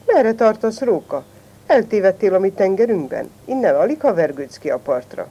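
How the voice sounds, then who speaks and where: A woman's voice: mid-range voice, expressive, dark tone, husky, lo-fi sound. A woman voicing a seal in a storybook tale, answering firmly and correcting the fox. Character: knowing seal of the open sea.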